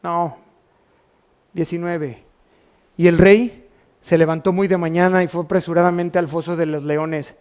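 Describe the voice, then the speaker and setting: A man's voice: a little high, steady tone, unhurried, long pauses, a little mellow, smooth. A man with a Mexican Spanish accent preaching a sermon as pastor, asking the congregation rhetorical questions. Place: church.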